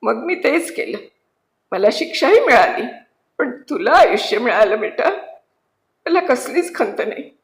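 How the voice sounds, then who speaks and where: A woman voicing a humble male convict who speaks respectfully and softly, calling the jailer sir, in a story reading. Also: fairly high pitch, very animated, measured pace, long pauses, pitched above the performer's own voice. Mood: subdued, solemn. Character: humble male convict, quiet, remorseless protector. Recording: roomy echo.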